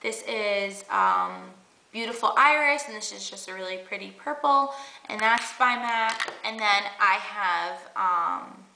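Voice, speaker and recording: Chatty young woman, gravelly bright voice. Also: mid-range voice, big pitch swings, a little slow, echoey room, a little hiss or hum, poor audio. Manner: chatty, gushing, many fillers and restarts. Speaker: beauty vlogger. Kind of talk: casual makeup haul chat.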